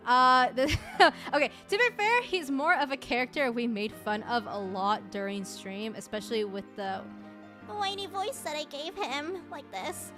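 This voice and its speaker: A woman's voice: fairly high pitch, moderate pace, few pauses, music in the background. A woman streamer giving casual, chatty commentary at a year-end awards stream, laughing often.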